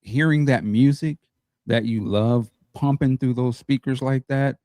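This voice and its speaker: A man's voice: medium pitch, fairly even intonation, a little slow, dark tone, dry recording, clean studio sound. A man on an online music talk panel, talking in a laid-back, rambling way with easy laughs. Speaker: co-host panelist. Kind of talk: casual podcast chat.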